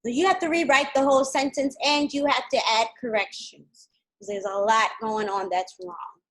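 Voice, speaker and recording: A woman teaching a live online kindergarten lesson, patient and clear, speaking slowly to young children over a video call. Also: high voice, steady tone, a bit bright, poor audio.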